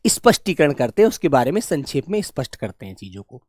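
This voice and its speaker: Animated male Hindi teacher drilling sounds. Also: medium pitch, fast talker, no room sound, studio quality. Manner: affectionate, calls listeners "my dear children"; repeats and drills sounds aloud. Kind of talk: exam coaching lesson.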